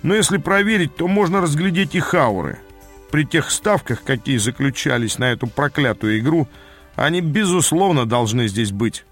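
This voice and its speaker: A man's voice: fairly high pitch, moderate pace, a bit bright, faint music behind. A man voicing an easygoing, polite male troll who explains things in a mild, matter-of-fact way. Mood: calm.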